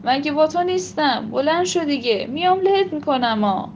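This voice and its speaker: A nasal, bossy father barks and wheedles orders at his child, as a woman storyteller puts him on. The voice sits high and shrill for a man, raised and pushy. There is a faint hiss of background noise under the reading. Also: gravelly, dull audio. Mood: yelling. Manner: demanding, yelling.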